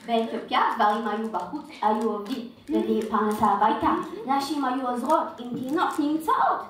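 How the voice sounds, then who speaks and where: A woman's voice: on the high side, natural voice. A woman playing an older, traditional mother born in Ethiopia, who scolds and is protective, in a live stage skit. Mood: nostalgic, teasing. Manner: scolding, exclamatory, with many "eh?" tags. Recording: echoey hall, distant mic, audience noise.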